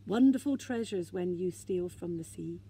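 A woman reading a children's story aloud in a gentle, expressive way. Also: on the low side, normal speed, breathy edge.

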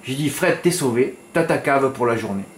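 A man of middle pitch talks horse racing tips straight to his viewers, casual and chatty, tagging his sentences with little asides. He bursts into exasperated scolding now and then. His voice rings in a roomy space with a faint hum of ambience behind it. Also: lively intonation, normal speed. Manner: chatty, peppered with "hein", flares into exasperated ranting.

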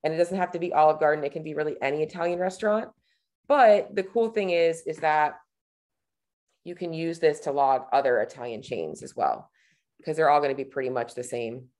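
A low, slightly mellow female voice moves along fairly quickly. It belongs to a nutrition coach in her thirties who casually thinks out loud while clicking through a tutorial shared over her webcam.

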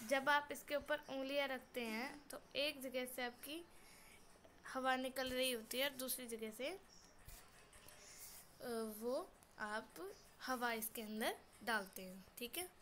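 Teen girl teaching letters, high bright voice, drags each sound out slow, faint hum behind. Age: teenager, ninth-grade student. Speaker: channel host teaching Hindi letters. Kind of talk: spelling out words syllable by syllable for learners.

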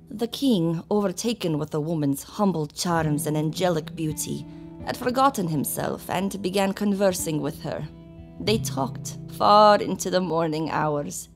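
In a gothic audio drama, a woman with a lowish voice plays the solemn old servant of a vampire king. She speaks in a formal, measured storytelling manner.

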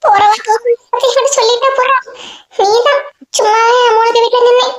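Very high-voiced woman with a Kanyakumari accent. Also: fairly even intonation, fairly quick, echoey room. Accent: Kanyakumari Tamil. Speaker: cartoon voice artist. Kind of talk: cartoon story voice acting of village women.

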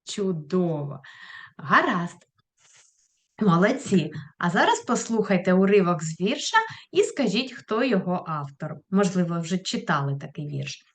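Lively-voiced woman teaching young children. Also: lowish voice, measured pace. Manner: clear, patient, questioning teacher tone. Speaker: primary school teacher. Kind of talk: recorded online lesson for children.

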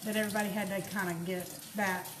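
A woman's voice: mid-range voice, flat delivery, fast talker, noisy background. An older woman with a Southern US accent, bantering and teasing while she films a home cooking session on a handheld camera in a kitchen. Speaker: cooking show co-host filming. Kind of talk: casual cooking chat.

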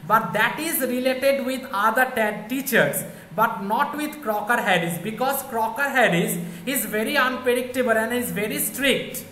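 A woman's voice: fairly high pitch, normal speed, hardly any pauses, sharp tone, a little hiss or hum. A woman teaching an online literature class, explaining patiently and repeating points to her students. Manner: explanatory, repetitive, addresses students directly. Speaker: English teacher. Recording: echoey room.

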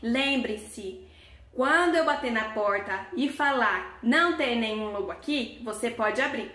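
A woman's voice: fairly high pitch, expressive, unhurried, bright, forceful tone, roomy sound. A woman voicing a caring, protective mother goat in a children's story, firm and motherly.

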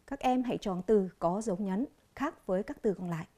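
A woman from Vietnam with a Vietnamese accent, teaching an English vocabulary lesson on television, speaking slowly and clearly and repeating each word. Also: medium pitch, warm tone.

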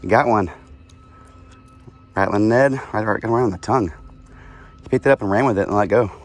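Deep-voiced man chatting from a kayak. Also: moderate pace, soft background music. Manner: relaxed, chatty, excited when a fish bites. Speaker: fishing vlogger. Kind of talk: casual narration while kayak fishing. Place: outdoors on a lake in a kayak. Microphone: head-mounted action camera.

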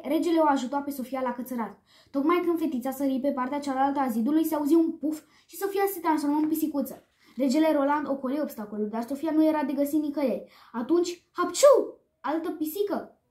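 A woman reading a children's storybook aloud in a lively, expressive way. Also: sits high. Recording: echoey room.

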